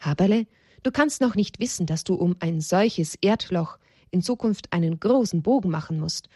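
Lady doing a gentle mama animal, soft and caring, breathy, storybook. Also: lowish voice, expressive, moderate pace, no room sound, clean studio sound. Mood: tender. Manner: soft, soothing.

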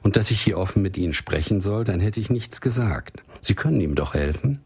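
A man's voice: fairly low pitch, expressive, brisk, breathy edge, full character voice. A man reading as a shy, worried wife. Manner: quiet and timid. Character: shy, reserved young wife, worried and timid.

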